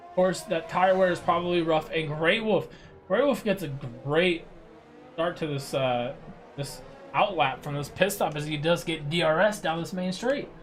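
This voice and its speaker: A young man giving live commentary on a sim-racing league race, explaining tactics in a steady, measured way. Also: a little high, faint music behind.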